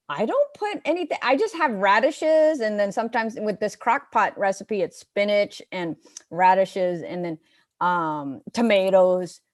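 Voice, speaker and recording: A middle-aged woman from the United States, chatting casually as a guest on a comedy show, rambling with fillers and restarts. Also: mid-range voice. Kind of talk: casual chat.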